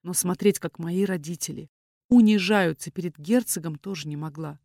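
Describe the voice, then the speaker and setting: A woman narrating a first-person fantasy story in an expressive storytelling voice. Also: on the low side, normal speed, dry recording, clean studio sound. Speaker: audiobook narrator.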